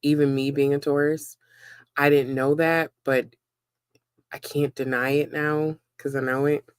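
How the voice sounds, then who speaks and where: A woman's voice: low-pitched, little pitch movement, a little slow, clear, resonant tone, dry recording. A woman chatting casually on a live stream while she eats and works, rambling with many ums and likes. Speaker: livestreamer and web content creator.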